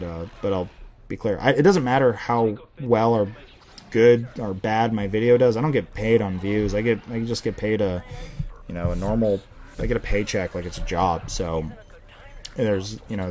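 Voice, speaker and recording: A man's voice: lowish voice, darkish tone. A young man in his twenties hosting a casual Q&A, rambling and swearing freely as he answers viewer questions. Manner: rambling, profane, self-deprecating ranting. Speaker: host of a viewer Q&A show.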